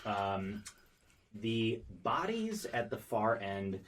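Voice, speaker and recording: A man narrating as game master of a tabletop game, halting with many fillers and restarts. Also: on the low side, big pitch swings, a bit bright, slight background noise, rough recording.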